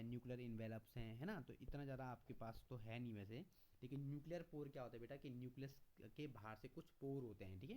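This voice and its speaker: A male teacher with a darkish, medium-pitched voice gives a classroom lecture built on questions he answers himself. He uses "beta" for his students and mixes Hindi explanation with English notes read out at a slower pace.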